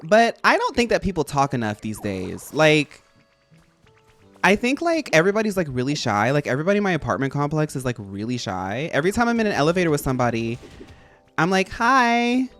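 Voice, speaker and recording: A game streamer chatting casually, with an animated, expressive delivery and sassy, girly-pop slang. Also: mid-range voice, quick pace, soft background music. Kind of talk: casual chat while livestreaming a game.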